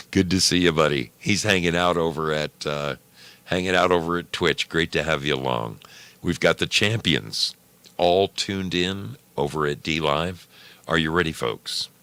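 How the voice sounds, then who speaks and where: A man's voice: sits low, unhurried, pushed and bright, clear, resonant tone, dry recording. A man hosting a livestream from a garage, chatting casually like a folksy showman and repeating his phrases for effect. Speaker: host of an old time radio programme livestream. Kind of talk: casual livestream chat, greeting viewers. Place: garage with a heater running.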